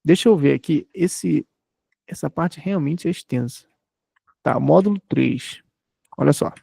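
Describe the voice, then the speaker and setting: Brazilian man teaching with a gravelly voice. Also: a little high, measured pace, mellow, no echo, clean studio sound. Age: 30s. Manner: explanatory, checks in often with rhetorical tags. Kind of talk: online lecture.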